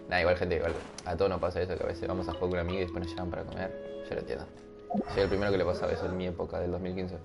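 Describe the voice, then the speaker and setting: A young male streamer with a Rioplatense Spanish accent rambles and jokes with his viewers during a casual gaming livestream, laughing at himself. His gravelly voice sits low with little pitch movement, racing along over music picked up by a headset microphone.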